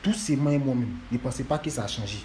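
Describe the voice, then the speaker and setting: A man's voice: medium pitch, fast talker, dark tone, slight background noise. A man, lecturing and scolding fans in a repetitive, emphatic monologue. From Ivory Coast.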